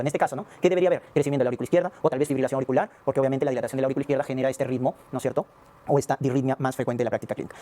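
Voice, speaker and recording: A man's voice: on the high side, mellow. A man giving a recorded medical lecture, explaining step by step and often asking rhetorical questions and checking in with his students.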